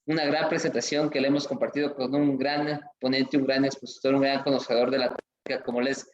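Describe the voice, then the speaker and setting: A man's voice: mid-range voice, level tone, brisk, lo-fi sound. A man hosting an online conference, effusive and promotional, reading out viewer comments. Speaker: event host. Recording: echoey room with faint music.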